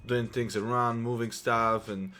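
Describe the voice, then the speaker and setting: A Polish vlogger in his thirties, speaking with a Polish accent, tells his life story to camera in casual, rambling fashion, restarting often. His voice sits in the mid-range, with a flat, sharp-toned delivery that runs a little slow.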